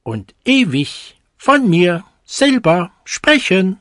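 A man's voice: very animated, drawn-out words, exaggerated voice. A man voicing a vain, boastful male cuckoo that cries out eagerly about its own fame. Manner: shrill, crying out eagerly.

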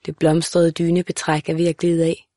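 A woman narrating a literary audiobook in a calm, measured, even way. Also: sits low, dry recording, clean studio sound.

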